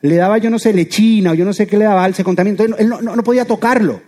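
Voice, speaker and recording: A pastor preaches an animated sermon, explaining with everyday examples. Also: male voice, sits high, racing.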